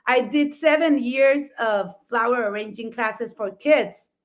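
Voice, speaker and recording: Speaking a little high and a little slowly, a middle-aged Mexican woman with a native Spanish background and a Mexican accent recounts her story in her role as co-host. She's a florist and talk show co-host who laughs a lot, sounds enthusiastic, and often rephrases with "I mean."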